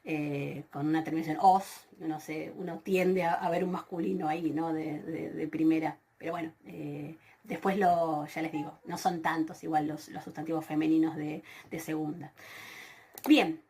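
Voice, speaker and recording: A woman giving a recorded grammar lesson over slides. She explains patiently, with frequent fillers and self-corrections. She slows down carefully whenever she spells out a form. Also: low voice, steady tone, dark tone, slightly rough. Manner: slows down to spell out Greek forms. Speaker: Greek teacher.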